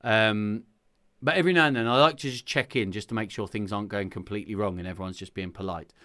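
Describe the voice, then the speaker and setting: A man hosts a singing group livestream from a home setup, chatting casually with viewers in a rambling, self-deprecating, jokey way. He speaks into a talking mic beside a separate vocal mic. His voice is lowish, fast and sharp in tone.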